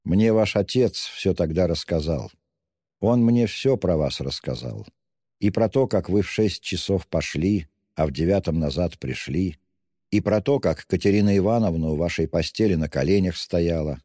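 A man's voice: low voice, lively intonation, moderate pace, dark tone, no echo, clean studio sound, long reverb tail. A man voicing a gloomy, brooding young male student who speaks curtly in an audiobook reading. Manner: curt, gloomy.

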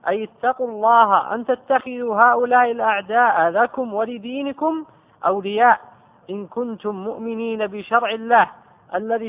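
High-voiced man reading a text aloud. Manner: measured, careful recitation. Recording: tinny phone-like lo-fi recording.

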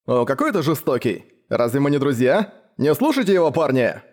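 A man voicing a brash, boastful biker who talks loudly and mockingly, with a raised, swaggering voice. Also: mid-range voice, very animated, fairly quick, natural voice. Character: brash boastful male biker, loud and cocky.

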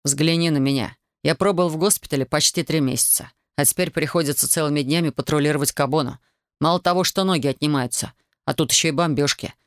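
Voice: medium pitch, fast talker, dry recording, natural voice. A reader voicing a tired, reluctant wounded young soldier, in a dry studio audiobook recording. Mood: weary. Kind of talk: audiobook character voice.

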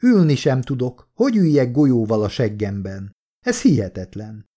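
A man voicing a brash, profane young male soldier who wisecracks and yells in an audiobook. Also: medium pitch, lively intonation, lightly acted. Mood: indignant. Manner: profane, shouting, cocky.

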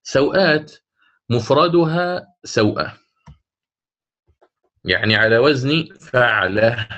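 A man with a North African Arabic accent teaching a lesson on Quran recitation rules. He explains, then slows down to recite the example words. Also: mid-range voice, expressive, a bit bright, highs cut off.

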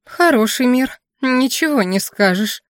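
A woman voicing a bossy, squeamish old grandmother who scolds loudly and slowly. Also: on the high side, lively intonation, no room sound, studio quality, pitched above the performer's own voice. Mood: scolding. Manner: loud, scolding.

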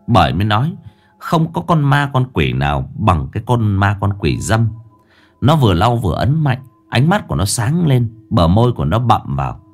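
A man narrating a ghost story with an expressive, storytelling delivery. His voice sits low but moves with lively rises and falls. Soft music plays faintly behind him.

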